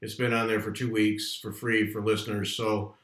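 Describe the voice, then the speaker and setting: A man hosting a casual livestream chat, talking in a rambling, chatty way from a room at home that is not soundproofed, so his voice comes back with a clear room echo. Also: lowish voice, level tone, normal speed, fairly bright tone. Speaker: host. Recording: echoey unsoundproofed room.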